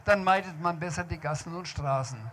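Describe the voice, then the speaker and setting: A man voicing a cheeky, childlike male creature who answers in quick rhymes. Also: on the high side, fairly bright tone, a little hiss or hum, pitched above the performer's own voice, lightly acted. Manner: pert, rhyming quips.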